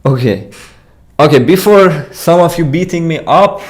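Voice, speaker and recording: Fairly high-pitched and measured, with lively intonation, this voice comes from a young adult man from Iran. He streams live from his computer, casually covering contest solutions and reading chat aloud. He hesitates, restarts his sentences often, and laughs while reading messages.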